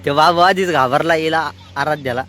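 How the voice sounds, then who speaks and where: A man's voice: on the high side, fairly bright tone. A man, giving chatty, teasing vlog commentary outdoors. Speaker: vlogger.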